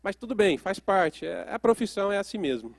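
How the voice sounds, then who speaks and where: High-voiced man lecturing an audience. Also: expressive, a little fast, creaky, no room sound, studio quality. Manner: questions the audience often, storytelling. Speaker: therapist giving a lecture.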